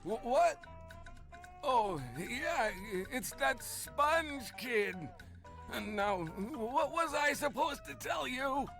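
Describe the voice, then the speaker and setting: A forgetful old man in a cartoon game, slow and rambling with a high, quavering pitch. He drags out every word as if he has lost his train of thought. Game music sounds loudly behind him. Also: lively intonation, gravelly, full character voice. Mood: confused. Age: older. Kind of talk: video game character lines.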